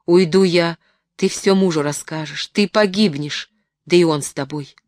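A woman's voice: on the low side, moderate pace, darkish tone, no room sound, clean studio sound, close to an everyday voice. A woman reading aloud voices a young man, a tormented secret lover who pleads with feeling. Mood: desperate pleading. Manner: pleading, emotional.

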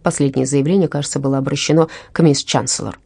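A woman reading a novel aloud as narrator, with expressive, lively intonation. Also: deep voice, fast, gravelly, no echo. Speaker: audiobook narrator. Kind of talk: scripted literary narration.

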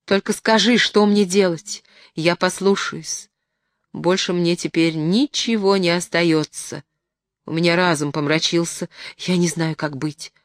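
A woman's voice: lowish voice, fairly even intonation, a little slow, no room sound, studio quality, natural voice. A woman reading aloud voices a young man, a tormented secret lover who pleads with feeling. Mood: desperate pleading. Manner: pleading, emotional.

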